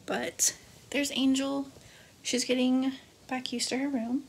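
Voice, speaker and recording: A woman's voice: high-pitched, flat delivery, slow pace, vocal fry, husky. A young woman, chatting casually and upbeat into her phone camera at home and in her car, with frequent fillers. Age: early 20s. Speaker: vlogger. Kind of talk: casual vlog chat. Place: home bedroom, apartment and parked car. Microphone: phone camera held at arm's length.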